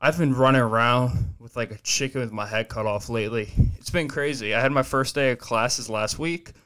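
A twenty-two-year-old man hosts his own podcast solo from a small home studio, rambling casually, swearing freely and reflecting on himself. He's recorded on a desk mic on a boom arm with headphones on. His medium-pitched voice is a bit bright and clean, at normal speed.

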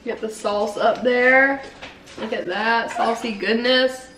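A woman's voice: on the high side, steady tone, slow pace, a bit bright. A young woman vlogger chatting casually and giggling while she eats on camera. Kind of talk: casual mukbang chat. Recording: echoey room with faint noise.

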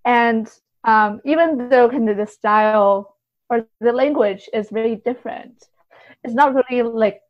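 Speaking at a measured pace in a slightly high voice, a woman guest who translates literature explains things during an interview. Her manner is conversational and cautious, heavy on softeners. The audio is lo-fi and dull.

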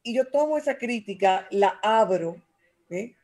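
A woman, talking as a guest expert on communication in an animated, expressive way and acting out quotes. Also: medium pitch, measured pace. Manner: animated, acts out voices and quotes. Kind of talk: radio talk show conversation.

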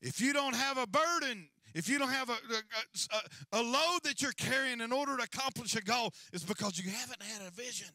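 A man's voice: very high voice, a little fast, few pauses, pushed and bright, no room sound. A middle-aged man preaching a sermon as senior pastor on a large church stage, with a handheld mic and a repetitive, rising and falling cadence.

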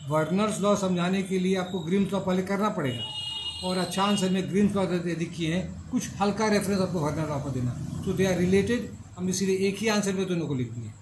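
A man's voice: sits high, a little fast, background noise. A middle-aged male professor lecturing a class, repeating each point and checking that students follow. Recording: echoey classroom with faint ambience.

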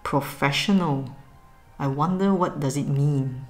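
A woman vlogger with a notably low voice, chatting playfully and cracking jokes as she tests her gear. Music plays clearly behind her. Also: unhurried. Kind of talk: casual vlog, testing microphones.

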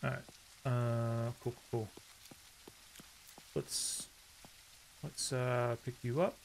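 A man's voice: medium pitch, flat delivery, takes it slowly, gravelly, slight background noise. A man giving casual, rambling commentary while playing a game, often breaking into startled outbursts. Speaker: gaming YouTuber.

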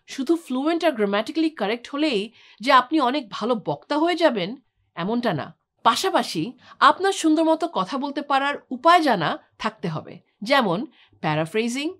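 A woman's voice: sits high, a bit bright. A woman, an English trainer, giving a scripted lesson and taking points one at a time. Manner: clear, explanatory, lists points one by one. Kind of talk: scripted instructional talk.

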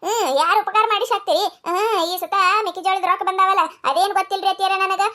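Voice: very high voice, flat delivery, fast talker, sharp tone. A performer voicing a sulky, defiant young village daughter-in-law in a cartoon, with a North Karnataka Kannada accent. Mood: whiny. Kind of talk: cartoon comedy voice acting.

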